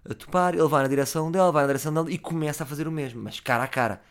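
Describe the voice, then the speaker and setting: A man with a European Portuguese accent telling a comic story, animated, swinging between loud and low. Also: very fast, clear, resonant tone.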